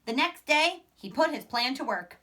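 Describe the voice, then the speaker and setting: In a small classroom, a young primary teacher gives children an animated read-aloud, breaking off for chatty asides. She sounds animated and bright, her voice sitting high with a forceful tone, and she keeps a moderate pace.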